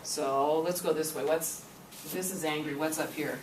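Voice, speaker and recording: A woman's voice: deep voice, steady tone, normal speed, background noise. A woman leading an interactive workshop, often checking understanding with "okay?", recorded from a distant camcorder in a classroom. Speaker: workshop presenter. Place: classroom or meeting room. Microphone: far camcorder. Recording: echoey room from a distant camcorder.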